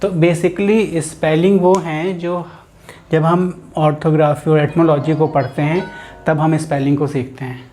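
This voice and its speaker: A man's voice: on the high side, fairly even intonation, measured pace, a little mellow, faint music behind. A man with an Indian accent teaching a grammar lesson, explaining step by step and answering his own questions. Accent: Indian English.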